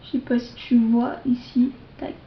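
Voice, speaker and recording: A woman showing off a shopping haul to her viewers in a casual show-and-tell, hesitant, with many fillers and self-corrections, slipping into soft asides. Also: fairly high pitch, little pitch movement, a little hiss or hum. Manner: slow, chatty, drops into soft asides. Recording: dull lo-fi home video sound.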